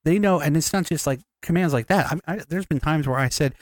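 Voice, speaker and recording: With a fairly high pitch and a fast delivery, a podcast co-host chats casually and rambles, swearing freely and restarting his sentences many times. There's no room sound.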